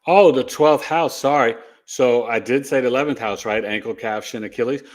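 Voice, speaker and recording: A man hosting an astrology livestream, chatting casually and telling animated stories with frequent laughter. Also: mid-range voice, moderate pace. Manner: animated storyteller, laughs often.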